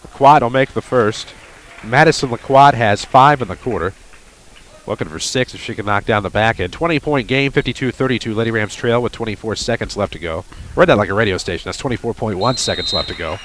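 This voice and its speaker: A man calling a high school basketball game for radio play-by-play, quick with wry asides, from a gymnasium with faint noise behind. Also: a bit bright. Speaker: play-by-play announcer.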